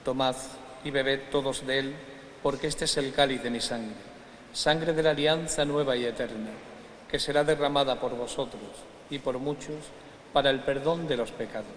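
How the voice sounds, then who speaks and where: A man, a priest solemnly reciting the liturgy of the Mass in measured, formal phrases. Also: mid-range voice, fairly even intonation, a bit bright. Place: large reverberant church. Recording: echoey church, long reverb, background noise.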